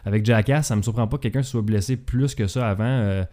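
A man's voice: on the low side, fast talker, dark tone. A man with a Québécois accent hosting a casual talk show, hesitant and full of filler sounds. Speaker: podcast host. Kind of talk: casual chat.

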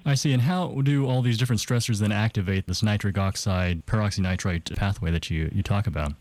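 A man's voice: fairly low pitch, brisk, a little mellow, no room sound. A man hosting a science radio show, presenting topics and questions in a curious, engaged, explanatory way. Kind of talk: presenting science news and introducing a guest.

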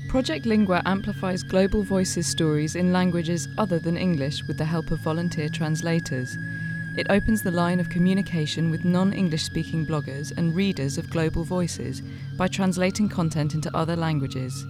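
A man's voice: a little high, moderate pace. Upbeat man reading a promo over music. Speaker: promo announcer. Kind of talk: scripted promotional spot. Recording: music playing clearly behind.

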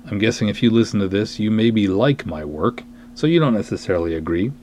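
A man, a podcast host who is also a writer and director, delivers a podcast monologue, chatting and reading reviews aloud dramatically. He's wry, self-deprecating and emphatic. His voice is lowish, a little fast and a little mellow, with slight background noise.

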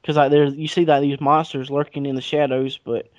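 A man's voice: medium pitch, flat delivery, brisk, no room sound, dull audio. A man casually chatting about comics with a friend, rambling and joking with lots of fillers. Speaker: comic book podcast co-host. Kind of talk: casual chat.

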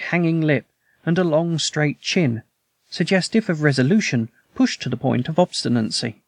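A man narrating a classic detective story in a measured, even storytelling manner. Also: fairly high pitch, no echo. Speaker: audiobook narrator. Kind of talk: scripted narration.

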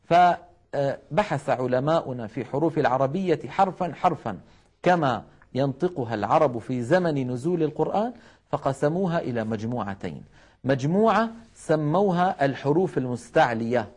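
A man's voice: medium pitch, a little mellow. A man teaching Quran recitation in a television studio lesson, sounding out letter syllables again and again and urging viewers at home to try them.

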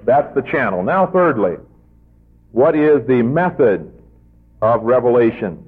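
Slow emphatic preacher on a tinny recording. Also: male voice, mid-range voice, big pitch swings. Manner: slow, emphatic teaching with drawn-out stressed words. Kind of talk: sermon. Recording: tinny phone-like old recording.

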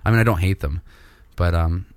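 A man's voice: low-pitched, a little fast, no room sound. A man co-hosting a podcast, chatting casually in a laid-back, jokey, rambling way. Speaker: podcast co-host. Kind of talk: casual chat. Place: Canada.

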